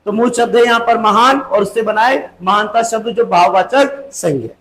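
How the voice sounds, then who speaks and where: A man with a high-pitched voice teaches an exam-prep grammar lesson at normal speed, his tone fairly bright despite a rough recording. He poses questions and answers them himself, stressing the rules and repeating key words.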